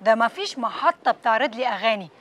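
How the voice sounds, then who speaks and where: An actress playing a worried, resentful pop singer whose career is slipping. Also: female voice, fairly high pitch, animated, fast, fairly bright tone. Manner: anxious, accusing.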